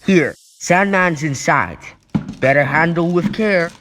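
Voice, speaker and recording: A man playing an earnest, put-upon teenage superhero who thinks aloud dramatically in a comic book dub, anxious and quick to anger. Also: on the high side, noisy background. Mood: worried.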